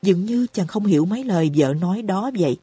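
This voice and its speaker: A woman narrating a novel as an audiobook, reading slowly and evenly. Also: mid-range voice, lively intonation, husky, no echo. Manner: reads slowly and evenly, raising her voice for characters' cries. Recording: dry close recording with soft music behind.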